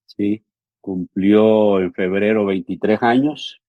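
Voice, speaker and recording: Man in his fifties, from El Salvador, pastor, low voice, dry close sound, earnest. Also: fairly even intonation, slow pace, no room sound, phone-quality sound. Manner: earnest, with frequent fillers like "¿sí?" and "ujú". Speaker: pastor and theological education coordinator. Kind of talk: conversational interview.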